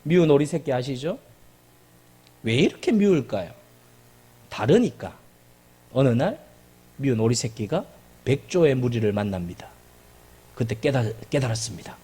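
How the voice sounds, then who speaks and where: Delivering his sermon in a mid-range voice with a breathy edge, this male pastor is animated and emphatic. He mixes in jokes and keeps repeating key phrases.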